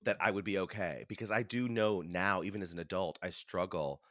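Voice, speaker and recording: Lively low-voiced man telling stories. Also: a little fast, no room sound, clean studio sound. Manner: animated storytelling, acts out voices, chuckles. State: chewing food while talking. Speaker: interview guest, Broadway performer. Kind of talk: casual conversational interview.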